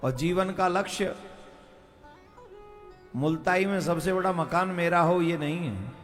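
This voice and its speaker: Male devotional preacher, unhurried delivery, faint music behind him, big-tent reverb. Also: high voice, a bit bright. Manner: earnest, teasing the crowd, calls for responses. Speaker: kathavachak preacher. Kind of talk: devotional sermon to a live crowd.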